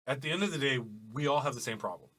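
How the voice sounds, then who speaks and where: A man's voice: mid-range voice, lively intonation, racing, fairly bright tone. Reflective man musing in casual chat. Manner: reflective and rambling, with restarts and swearing. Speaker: podcast co-host.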